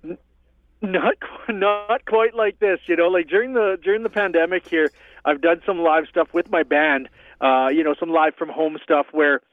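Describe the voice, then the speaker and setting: Male guest musician, high-ish voice, tinny phone line, easygoing rambler. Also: fairly even intonation, normal speed, dry recording. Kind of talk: casual interview chat. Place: home in northern Canada.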